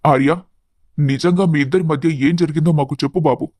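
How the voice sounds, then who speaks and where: A woman's voice: low voice, fairly even intonation, fairly quick, a little mellow, no echo, studio quality, pitched below the performer's own voice. A woman voicing a worried, grieving middle-aged father who pleads in anguish, as a storybook character voice. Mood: pleading.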